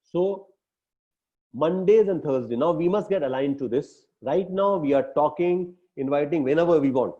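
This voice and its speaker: A man's voice: a little high, normal speed. A man with an Indian English accent coaching his team in an emphatic way, often ending with tag questions. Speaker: business coach. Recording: dull lo-fi recording.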